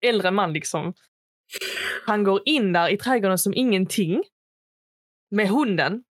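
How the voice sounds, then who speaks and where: A woman's voice: medium pitch, dry recording, studio quality. A young woman, a podcast co-host animatedly retelling a story, acting out quotes in a raised voice and slipping into English phrases. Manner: mixes English phrases into speech. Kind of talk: casual chat, storytelling.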